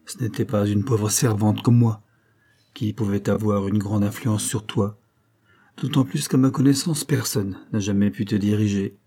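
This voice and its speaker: A man's voice: lowish voice, fairly even intonation, moderate pace, dark tone. A man reading an audiobook voices a dying old female servant who solemnly reproaches the young woman she raised. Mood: stern.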